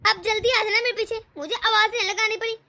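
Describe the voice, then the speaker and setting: A woman's voice: very high voice, fairly even intonation, fast talker, pushed and bright, exaggerated voice. A taunting, scolding cartoon mother-in-law, voiced by a woman. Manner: taunting, sarcastic. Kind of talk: cartoon voice acting.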